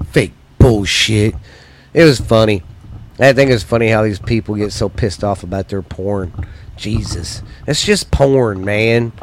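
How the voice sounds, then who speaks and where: A man with an American accent hosts a solo podcast of casual, crude, profane comic chat, blunt and loose in manner. His lowish voice sounds slightly weak and stuffy, and there's a little hiss or hum on the recording.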